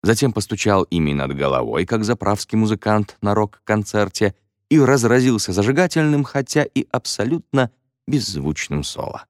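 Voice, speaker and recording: A man narrating an audiobook in an expressive, playful storytelling manner. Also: fairly low pitch, moderate pace, no room sound, clean studio sound.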